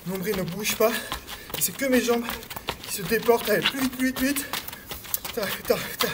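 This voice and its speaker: A man's voice: sits high, normal speed. A man coaching a cardio workout while doing it himself. He hesitates with many fillers, counts beats aloud, urges more speed and sounds a little out of breath. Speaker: fitness coach. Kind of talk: workout instruction while exercising. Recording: noisy recording with clicks.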